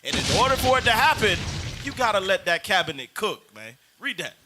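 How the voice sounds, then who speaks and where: A man's voice: high voice, sing-song, a little fast, background noise. A man in a casual panel discussion, preaching and exhorting, often urging others on. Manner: exhorting, repeats "come on".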